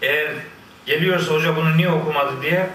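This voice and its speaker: Male preacher, sermon, bright ringing tone, roomy sound from afar, faint background noise. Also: fairly high pitch, a little fast. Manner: lively, quotes Quran verses in Arabic and explains them. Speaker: Islamic preacher. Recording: echoey room, voice from a distance.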